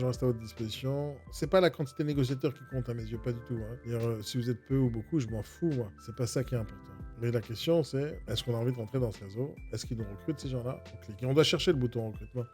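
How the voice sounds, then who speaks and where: A man's voice: medium pitch, quick pace, darkish tone, faint music behind. A man who coaches real estate agents gives a blunt, exasperated, mocking casual critique of agency websites.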